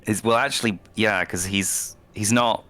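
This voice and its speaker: A man playing a tabletop game, talking in a relaxed, rambling way. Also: on the low side, normal speed. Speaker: player. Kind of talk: tabletop role-play.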